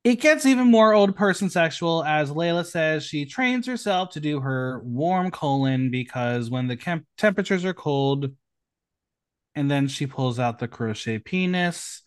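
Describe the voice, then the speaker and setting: A man's voice: lively intonation, measured pace, clear, resonant tone. A man hosting a podcast, recapping a TV episode in a campy, sarcastic manner. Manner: campy, sarcastic, with sudden pitch jumps. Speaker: podcast host.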